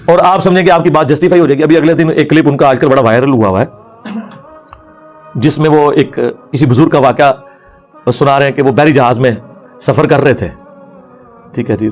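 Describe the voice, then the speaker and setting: High-voiced mocking scholar. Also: male voice, a little mellow. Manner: mocking, laughs while arguing. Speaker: Islamic scholar. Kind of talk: religious lecture.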